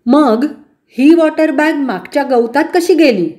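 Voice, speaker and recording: A woman playing a caring mother who lectures her son calmly and gently. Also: high-pitched, unhurried. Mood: questioning. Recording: roomy echo.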